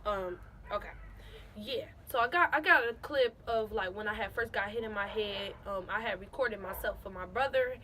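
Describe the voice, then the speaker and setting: A young woman in her late teens telling a casual storytime to her camera, animated and repeating phrases for emphasis. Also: mid-range voice, normal speed, slight background noise, poor audio. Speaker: vlogger.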